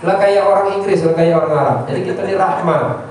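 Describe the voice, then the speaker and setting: A man's voice: high voice, brisk, darkish tone. A man gives an informal religious lesson to a congregation in a prayer room, talking conversationally and often asking "ya" and "ya tak". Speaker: religious teacher. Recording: echoey room, distant mic, faint noise.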